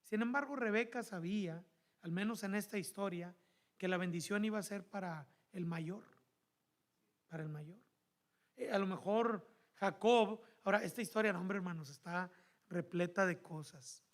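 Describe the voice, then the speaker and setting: A man with a Mexican accent preaching a sermon in church, animated and calling the congregation brothers. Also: sits high, normal speed. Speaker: pastor.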